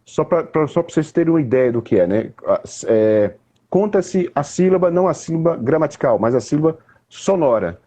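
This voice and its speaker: A Brazilian man with a mellow, slightly husky voice explains poetry in a relaxed conversation. He talks in an unhurried, teacherly way. He often restarts his phrases and tags them with "né?". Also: on the high side. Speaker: poet explaining literature. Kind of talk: casual conversation.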